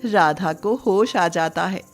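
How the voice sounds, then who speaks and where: A woman's voice: on the low side, slow, soft background music. A woman narrator reading a scripted moral story.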